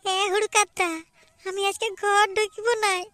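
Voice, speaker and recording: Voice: extremely high pitch, level tone, measured pace, bright, forceful tone, no echo, soft background music, heavily acted. A performer voicing a naive, frightened village boy with a Purulia Bengali accent who pleads and whines. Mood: scared pleading. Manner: pleading, whiny.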